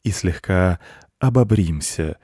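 A man voicing a clever male cat who talks softly, slyly and like a know-it-all. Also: low-pitched, animated, slow pace, breathy edge, dry recording, studio quality, full character voice. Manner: soft, ingratiating, know-it-all.

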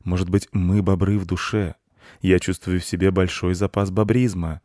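A man voicing a clever male cat who talks softly, slyly and like a know-it-all. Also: low voice, flat delivery, moderate pace, no room sound, clean studio sound, close to an everyday voice. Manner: soft, ingratiating, know-it-all.

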